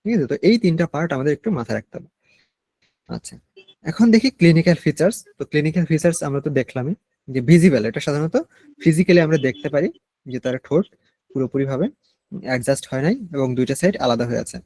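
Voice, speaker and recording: A Bangladeshi Bengali-accented man teaching a nursing class, explaining slowly and mixing in English medical terms. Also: on the high side, warm tone, no room sound. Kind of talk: online class lecture.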